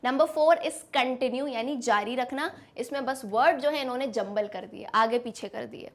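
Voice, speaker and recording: A woman's voice: fairly high pitch, unhurried. A young woman teaching an English spelling lesson to students, coaxing them along and spelling words out letter by letter. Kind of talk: classroom lesson explaining to students.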